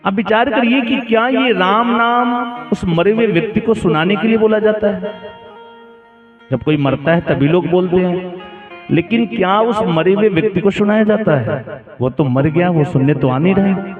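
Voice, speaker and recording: Male preacher, higher-pitched, sermon with audience questions, tinny phone-like sound, music behind. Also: normal speed, echoey room. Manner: storytelling, acts out dialogue, rhetorical questions to the audience. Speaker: katha preacher. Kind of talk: devotional sermon. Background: instrumental music.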